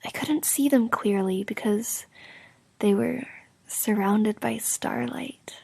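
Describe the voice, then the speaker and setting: A woman doing an ASMR role-play as an affectionate, sleepy girlfriend, speaking softly, drowsily and intimately in a breathy soft voice with creaky edges. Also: medium pitch, slow pace, no room sound. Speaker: roleplay audio performer playing a sleepy girlfriend.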